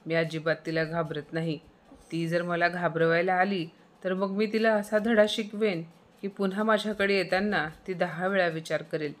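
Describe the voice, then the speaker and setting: Woman playing proud elderly mother, fearless, boastful, dismissive, lowish voice. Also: steady tone, moderate pace, natural voice. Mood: defiant.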